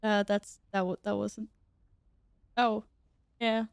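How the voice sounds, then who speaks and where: A woman's voice: mid-range voice, little pitch movement, slow pace, vocal fry, clear, resonant tone, no room sound, studio quality. A woman live-streaming a game, chatting casually and informally with viewers and teammates, given to exclamations.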